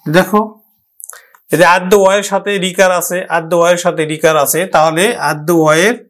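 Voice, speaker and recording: A man's voice: high voice, steady tone, a bit bright. A man teaching a pronunciation lesson, drawing words out syllable by syllable and repeating them. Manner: slow, drawn-out syllable-by-syllable modelling, repeating words. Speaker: language teacher. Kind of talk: slow classroom pronunciation lesson.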